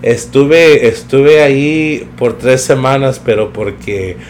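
A young man telling a story in a relaxed, slangy way, mixing in English phrases. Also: mid-range voice, takes it slowly, slight background noise. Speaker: podcast guest telling his career story. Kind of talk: casual storytelling chat.

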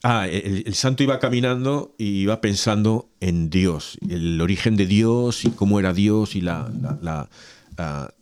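Deep-voiced man reading and chatting. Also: measured pace, a little mellow. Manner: hesitant, restarts and laughs while chatting. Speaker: reader and co-host. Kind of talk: Gospel reading and casual religious chat.

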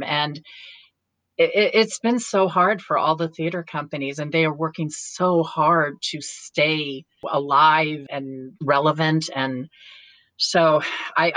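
A woman's voice: deep voice, fairly bright tone, no echo, low-quality recording. A woman actor chatting casually as an interview guest, laughing often and restarting her sentences. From United States.

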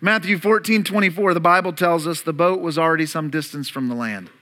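A man's voice: fairly high pitch, brisk, pushed and bright. A man preaching a sermon to his congregation, telling the story dramatically with playful asides to the room. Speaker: pastor. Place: church service before a congregation.

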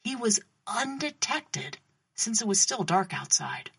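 Slow, breathy woman telling a faith story. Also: fairly high pitch, very animated, fairly bright tone. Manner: dramatic storytelling with pauses and questions to the listener.

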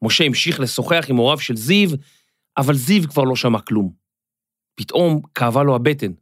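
A man narrating a scripted children's story in a clear, expressive storytelling manner. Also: medium pitch, no room sound. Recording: dry studio, faint music.

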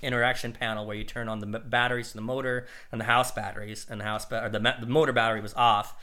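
Male podcast host, casual and easygoing, bright tone, talks through his job with a laugh. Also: medium pitch, level tone, very fast. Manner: laid-back, laughs often, rambling explanations. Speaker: sailing instructor. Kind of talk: casual chat.

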